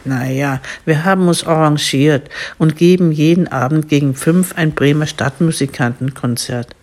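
A woman voicing a sleepy male house cat with a soft, purring manner. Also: sits low, normal speed. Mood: weary.

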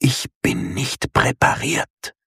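A man voicing a teasing young woman, speaking in a soft whisper. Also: on the high side, expressive, slow, slightly rough, dry recording, studio quality, pitched above the performer's own voice, full character voice.

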